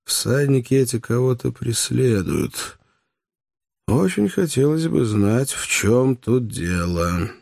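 A man voicing an excitable male hunter in an audiobook, speaking with urgent alarm. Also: mid-range voice, slow pace, gravelly, no echo, clean studio sound, heavily acted. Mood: watchful. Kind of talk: audiobook character reading.

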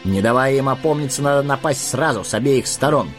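A man's voice: mid-range voice, fairly quick, soft background music, pitched above the performer's own voice, lightly acted. A man voicing a bold, scornful human war leader who talks in a mocking, commanding way.

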